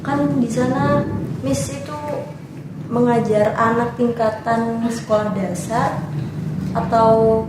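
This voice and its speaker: A woman's voice: a little high, fairly even intonation, slow, pauses often. A young woman hosting a casual podcast interview, asking short questions and repeating answers back. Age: young adult. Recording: distant, very echoey room with faint noise.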